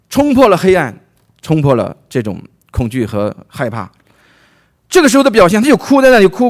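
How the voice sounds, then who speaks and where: Animated male preacher with a lively voice. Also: fairly high pitch. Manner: animated storytelling with rhetorical questions. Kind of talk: Bible sermon.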